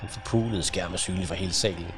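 A man voicing a gruff, hoarse, scornful man in an audiobook. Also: sits low, fairly even intonation, close to an everyday voice. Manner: scornful, blunt.

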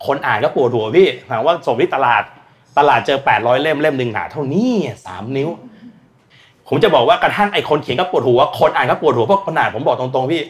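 Appearing as a guest expert on energy and climate, a man with a medium-pitched, expressive voice talks fast. He explains things casually and bluntly in slangy language, performing the voices of people he quotes.

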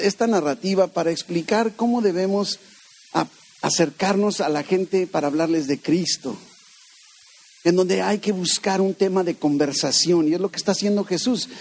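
Man preaching, husky tone, high-pitched, reverberant hall, rhetorical questions. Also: darkish tone. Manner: rhetorical questions, acts out quoted voices. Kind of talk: conversational sermon.

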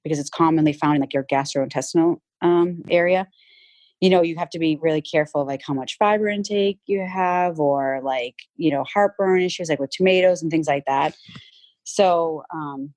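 Middle-aged Boston woman, lowish voice, dry close mic, chatty guest. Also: moderate pace, no echo. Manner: chatty, lots of fillers and animated retelling. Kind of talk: casual chat.

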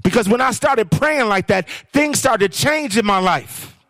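A man's voice: sits high, lively intonation, a little slow, fairly bright tone, no room sound, studio quality. A man preaching a sermon as guest speaker, questioning the crowd and rising into sing-song phrases. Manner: call-and-response preaching, sing-song rises.

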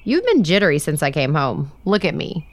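A woman's voice: deep voice, huge pitch swings, normal speed, no room sound, full character voice. A woman playing a breezy but probing, suspicious mother in an audio drama.

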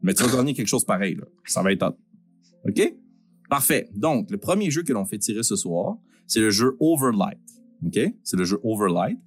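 A Québécois man hosting a live giveaway in a booming prize-announcer manner, informal and joking, with some swearing. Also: sing-song, normal speed, breathy edge, faint music behind. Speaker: host of a live-streamed prize draw.

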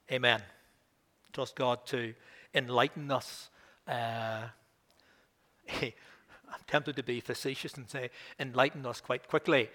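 Delivering a sermon, an older Belfast man with a Northern Irish accent speaks at a medium pitch with a fairly bright tone. His scripture reading builds in emphasis, and his stories come with chuckled asides.

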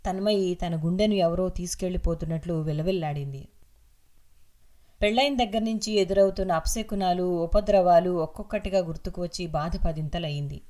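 A woman narrating a serialized audio novel in a steady, measured reading voice. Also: on the low side.

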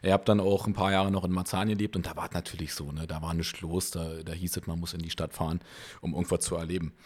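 A man hosts a relaxed interview in a fairly low voice. He keeps stopping on filler sounds and rephrases as he thinks aloud. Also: quick pace. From Berlin. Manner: hesitant, many filler sounds. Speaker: podcast host. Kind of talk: casual interview chat.

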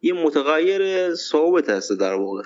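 A man's voice: on the high side, big pitch swings, a little mellow. A man playing a stubborn patient in a radio sitcom who earnestly over-explains. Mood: insistent. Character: stubborn male patient insisting on his name. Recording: slightly muffled recording.

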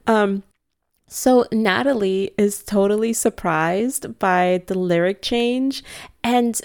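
A woman's voice: mid-range voice, takes it slowly, creaky, darkish tone, smooth. A woman recapping a movie plot in casual chat, laughing often and acting out the characters' lines. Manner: chatty, laughs often, acts out quoted lines.

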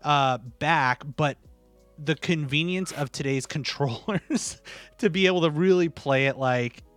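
A man's voice: fairly high pitch, a little slow, a bit bright, no echo, soft background music. A man hosting a casual podcast chat, talking in an upbeat, enthusiastic and jokey way. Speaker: podcast host.

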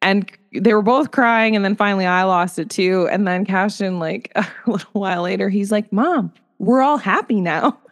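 A woman's voice: mid-range voice, fairly even intonation, normal speed, hardly any pauses. A woman in her thirties, a podcast co-host, talking candidly in casual chat, laughing often and trailing off mid-thought.

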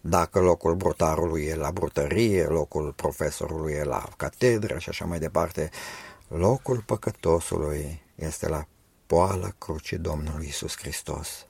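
A man's voice: extremely low pitch, gravelly, a little mellow, breathy edge, no echo. A man preaching an earnest, exhortative sermon.

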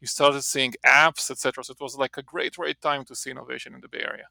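Speaking fast with flat delivery, this guest, a marketing professor in his forties with an Israeli accent, has a mid-range voice that's creaky, pushed and bright. He rambles casually from his home office in an interview, restarting often, and there's no room sound.

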